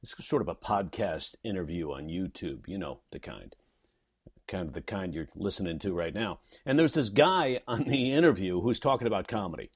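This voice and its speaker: Sarcastic husky-voiced man, from New York. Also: deep voice, lively intonation, normal speed. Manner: sarcastic, wisecracking. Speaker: comedy writer and teacher. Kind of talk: reading his blog post aloud.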